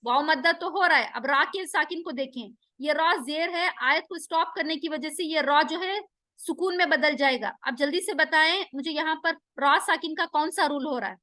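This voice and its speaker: A woman's voice: sits high, sharp tone, no room sound, clean studio sound. A woman teaching Quran recitation rules to students. She draws out verses in melodic recitation, explains each rule, and quizzes her pupils. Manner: switches between drawn-out melodic recitation and quick explanation; quizzes students and affirms answers.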